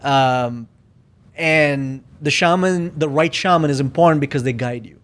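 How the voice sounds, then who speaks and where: Male guest, reflective and halting, a bit high-pitched, casual chat. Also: fairly bright tone. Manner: reflective, searching for words, many fillers. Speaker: podcast guest. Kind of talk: casual conversation.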